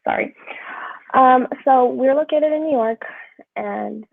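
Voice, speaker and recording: A young woman on a video call as a student panelist, talking in a halting way while her connection keeps breaking up. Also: sits high, vocal fry, no room sound. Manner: halting, loses her thread as the line cuts out. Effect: choppy video-call audio, connection breaking up. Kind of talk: casual chat on a video call. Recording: tinny, dry call line breaking up.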